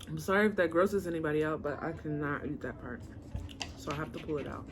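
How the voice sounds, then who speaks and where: A woman's voice: low-pitched, quick pace, noisy background. A woman hosting a mukbang eating show, chatting casually and murmuring with enjoyment between bites. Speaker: mukbang host.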